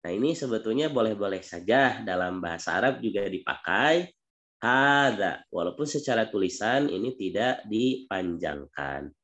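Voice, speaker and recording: A man teaching an online Arabic reading class, explaining patiently and repeating examples. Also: fairly low pitch.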